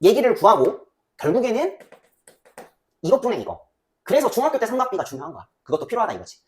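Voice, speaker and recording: A woman's voice: fairly high pitch, sing-song, quick pace, darkish tone. A woman teaching a math lesson in a casual, chatty way, often asking the students to check along. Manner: chatty, asks students frequent checking questions; voices student replies herself. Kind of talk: casual lecture.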